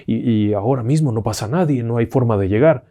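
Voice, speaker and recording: A man voicing a gentle young ghost girl who hitches a ride, speaking softly and persuasively in a told ghost story. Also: mid-range voice, brisk, lightly acted. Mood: gentle coaxing.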